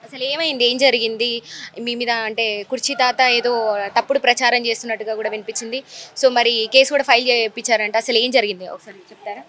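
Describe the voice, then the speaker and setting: A woman's voice: on the high side, steady tone, brisk, a bit bright. A woman interviewer asking short, prompting questions.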